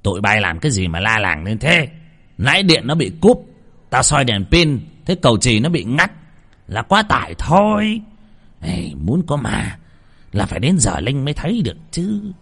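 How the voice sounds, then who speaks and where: A man voicing a gruff middle-aged male exorcist who barks scolding orders in a spoken horror story. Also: mid-range voice, sing-song, normal speed, fairly bright tone, voice pushed up, exaggerated voice. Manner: barking, scolding.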